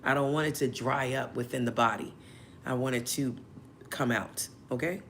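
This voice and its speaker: A woman whose voice is still hoarse, hosting a tarot livestream in a chatty way and checking in with her listeners often. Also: rumbling low, fairly even intonation, normal speed, slight background noise. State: hoarse, recovering voice. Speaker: tarot reader and channel host.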